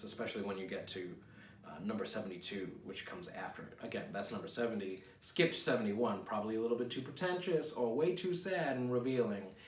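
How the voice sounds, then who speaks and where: With a lowish voice, this American writer in his thirties casually presents his own work, rambling in a wry, self-deprecating way through a vlog featuring poem readings. He's indoors in a small home office, recorded by a camera mic a few feet off, so there's roomy echo, a distant sound, and clear noise.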